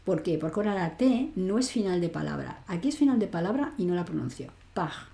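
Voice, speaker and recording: A woman's voice: fairly low pitch, big pitch swings, fast, creaky, warm tone, reverberant. A woman teaching a French grammar lesson online, explaining step by step and often checking in with the learner. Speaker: language teacher.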